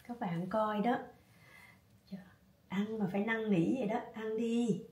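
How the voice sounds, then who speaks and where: A woman with a Southern Vietnamese accent chatting casually in a home cooking vlog, coaxing her dog in soft tones. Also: a little high, steady tone, takes it slowly, roomy sound, distant mic. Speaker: vlogger.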